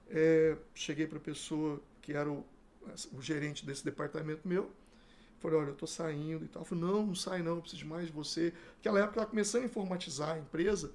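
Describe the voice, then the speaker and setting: A man's voice: on the high side, vocal fry, darkish tone. A middle-aged man from Brazil, a pastor, telling his life story in a podcast interview and acting out the dialogue as he goes.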